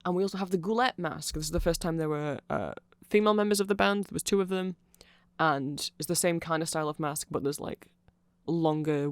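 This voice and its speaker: An ASMR audio creator with a slightly high voice talks in a casual, rambling explainer style, sounding nerdy and keen on his subject. The recording is close and dry, with little room sound.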